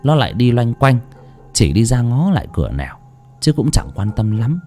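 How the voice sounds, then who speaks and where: Animated storyteller man. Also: mid-range voice, normal speed, faint music behind. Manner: expressive, dramatic reading. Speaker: audiobook narrator. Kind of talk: storytelling narration.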